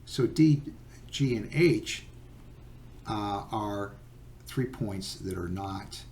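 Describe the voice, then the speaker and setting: A man teaching a recorded geometry lesson, patient and unhurried, with many fillers and okays. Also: fairly low pitch, vocal fry, darkish tone, a little hiss or hum.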